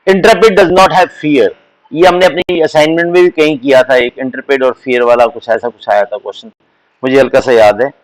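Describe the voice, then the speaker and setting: A man's voice: mid-range voice, steady tone, low-quality recording. A man teaching a live online exam-prep lesson, mixing Hindi and English and calling his students beta. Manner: mixes Hindi and English, addresses students as beta, slow deliberate explanations.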